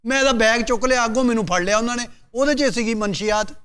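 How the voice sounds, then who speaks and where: A man's voice: very high-pitched, fast, fairly bright tone, smooth. A man playing an aggrieved Punjabi inmate. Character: Punjabi male inmate, complaining.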